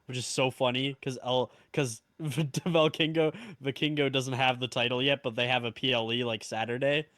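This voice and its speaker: A man's voice: mid-range voice, a bit bright, clean tone, dry recording. Chuckling young man, dry close sound. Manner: laughs through his points, chatty. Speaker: podcast co-host. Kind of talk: casual chat.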